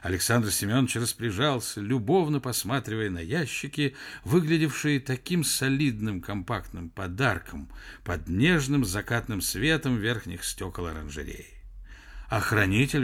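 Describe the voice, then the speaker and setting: Expressive male audiobook narrator. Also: mid-range voice. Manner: expressive storytelling. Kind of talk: scripted narration.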